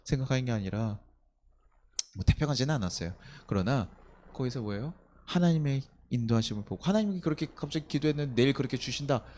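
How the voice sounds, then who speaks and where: A man's voice: mid-range voice, fast talker, slight background noise. A man, a pastor, preaching a night-service sermon in a church, firing off rhetorical questions to the congregation. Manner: animated, many rhetorical questions, acts out quoted speech. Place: church sanctuary.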